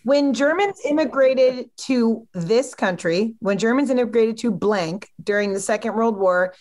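A woman's voice: mid-range voice, a little mellow. A woman from Kansas City hosting a casual podcast, reading out trivia questions in a laid-back, chatty and teasing way. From Kansas City, USA. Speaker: podcast host.

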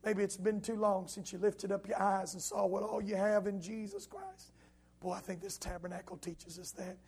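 A man preaching a sermon at a church service, impassioned, with his voice swelling into shouted appeals. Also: high-pitched, expressive, normal speed.

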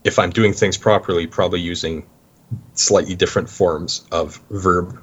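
A man's voice: deep voice, fairly even intonation, moderate pace, a bit bright, a little hiss or hum. A Canadian man talking casually about life abroad, rambling with many restarts. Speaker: guest. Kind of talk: casual conversation. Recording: dull lo-fi sound.

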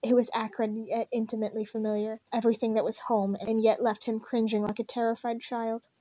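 Soft, even woman reading a story. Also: a little high, fairly quick, dry recording. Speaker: reader. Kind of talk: fan fiction read-aloud.

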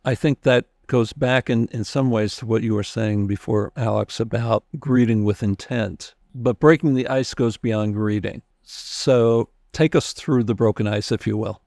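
A man hosting an interview, speaking in a deliberate, reflective conversational way. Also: fairly low pitch, gravelly, a little mellow, no room sound, clean studio sound. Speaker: interview host.

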